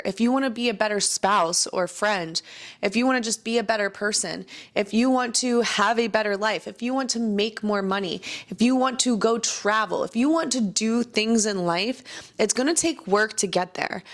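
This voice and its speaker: Woman vlogging, earnest and motivational, coach vibe, plain mid voice. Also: medium pitch. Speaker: business owner and coach. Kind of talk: personal vlog talk.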